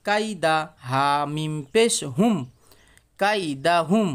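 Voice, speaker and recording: Slow, smooth-voiced Bengali Quran teacher. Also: male voice, fairly high pitch, a bit bright. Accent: Bangladeshi Bengali. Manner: spells syllables slowly, then chants verses in a raised voice. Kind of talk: spelling-out recitation lesson.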